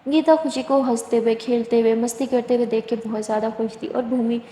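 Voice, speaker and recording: A woman narrating a spoken love story in a soft, plain, steady retelling. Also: fairly high pitch. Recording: echoey room, long reverb, faint hiss.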